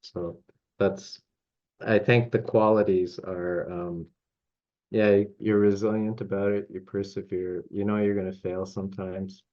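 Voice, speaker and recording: A man's voice: deep voice, little pitch movement, measured pace, darkish tone. A middle-aged man from Canada, a judo coach telling stories in a casual interview, chuckling often and rambling with plenty of fillers. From Toronto, Canada. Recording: slightly dull lo-fi recording.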